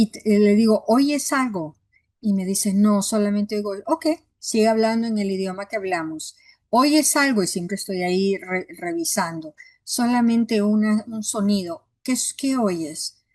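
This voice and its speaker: A woman's voice: mid-range voice, a little mellow, no echo, studio quality. A woman pastor teaching a Bible class in an earnest, encouraging way, acting out how she coaches people in prayer.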